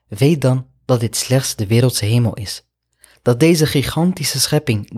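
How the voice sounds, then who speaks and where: A man's voice: medium pitch, darkish tone, breathy edge. A man telling a religious story as a sermon, earnest and reflective, often adding Arabic honorifics. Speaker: Islamic preacher.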